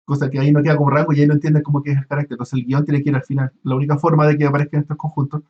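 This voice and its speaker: With a fairly high, level voice, a man lectures an online university class, going step by step and stopping to ask students questions. His delivery is halting, full of fillers and restarts, and the recording's highs are cut off.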